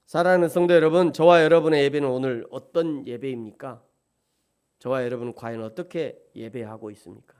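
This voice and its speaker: A male pastor preaching a sermon in an animated way that builds to emphatic peaks. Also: medium pitch, brisk, smooth.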